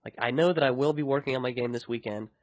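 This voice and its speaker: A man's voice: medium pitch, fast talker, a little mellow, dry recording. Man chatting casually, dry close recording. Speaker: podcast host and indie game developer. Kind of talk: casual podcast chat.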